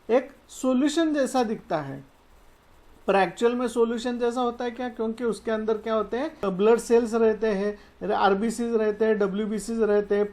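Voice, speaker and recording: A woman's voice: a little high, darkish tone. Woman teaching science with many "okay"s. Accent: Marathi-influenced Hindi. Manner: explanatory, mixes English terms, frequent "okay" fillers. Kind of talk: classroom lecture explaining slides.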